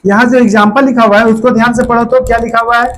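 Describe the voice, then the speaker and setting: A man's voice: very high voice, level tone, fast talker, fairly bright tone, a little hiss or hum, poor audio. A man teaching a grammar lesson to a classroom of students, drilling them with constant questions in a colloquial, repetitive way.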